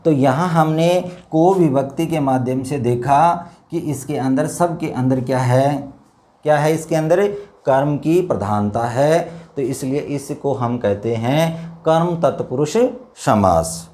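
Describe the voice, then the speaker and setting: A man teaching a Hindi grammar lesson, explaining step by step, repeating words slowly and addressing his viewers as dear children. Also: medium pitch, warm tone. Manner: slow, repetitive explanation with drawn-out words. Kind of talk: classroom lesson.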